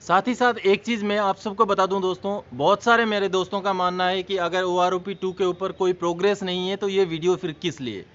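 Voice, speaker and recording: A man's voice: high-pitched, fairly even intonation, fairly quick, hardly any pauses, a bit bright. A man hosting his own video channel, earnestly explaining an issue and addressing viewers as friends. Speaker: YouTube channel host. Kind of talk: informational vlog address. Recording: slightly dull sound with faint noise.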